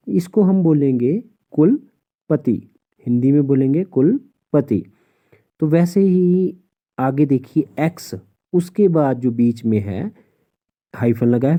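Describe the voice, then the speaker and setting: Guy teaching grammar, talks slow, asks himself questions n answers, kinda tinny phone-like audio. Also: a little high, warm tone. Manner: reads English rules slowly, then explains. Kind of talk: grammar lesson in Hindi with English rules.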